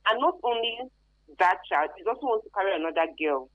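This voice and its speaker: In a radio interview about human trafficking, a Nigerian-accented woman serves as guest expert, explaining emphatically and conversationally with local Pidgin tags. Her mid-range voice is animated and fairly quick. The audio is thin and phone-like with a limited band and no room sound.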